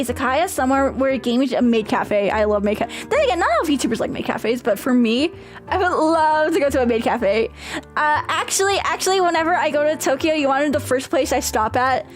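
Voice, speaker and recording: A woman with a very high, girlish voice chats casually on a livestream in a cute anime streamer style. She is playful and tends to repeat herself as she answers viewers. Music plays behind her. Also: expressive, brisk. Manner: giggly, repeats phrases.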